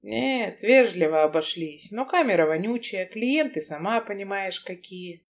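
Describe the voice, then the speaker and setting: A woman's voice: medium pitch, lively intonation, a little slow. Woman voicing a drowsy, evasive young man. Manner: drowsy, mumbling. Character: sleepy, evasive young man, lying smoothly.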